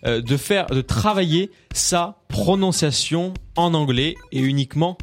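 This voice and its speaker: A man's voice: a little high, expressive, a little slow, soft background music. A man presenting a tech segment on a radio talk show, explaining a gadget with many hesitations and fillers. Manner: hesitant, full of fillers and "en fait". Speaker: tech columnist.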